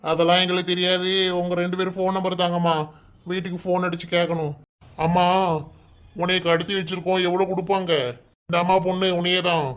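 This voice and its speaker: A man with a high, slightly bright voice speaks fast with a completely flat delivery while voicing a threatening kidnapper in a cartoon. With a Kanyakumari Tamil accent, he plays a bossy gang member, gruffly barking orders and threats.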